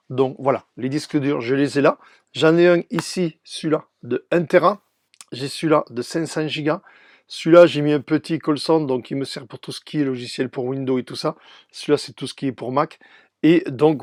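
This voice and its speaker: A man's voice: a little high, a little mellow, no echo, studio quality. Congested nasal man with a Toulouse accent. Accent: Toulouse, southern French. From Toulouse, France. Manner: chatty, demonstrative, frequent hesitations. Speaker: DJ and YouTuber. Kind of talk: casual tutorial vlog.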